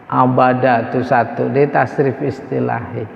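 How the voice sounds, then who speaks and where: Slow, gravelly man teaching in a hall. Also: mid-range voice, little pitch movement, a little hiss or hum. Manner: quizzes listeners, informal asides. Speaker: Arabic teacher. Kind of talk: religious study lesson. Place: mosque hall. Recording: echoey hall, dull lo-fi sound.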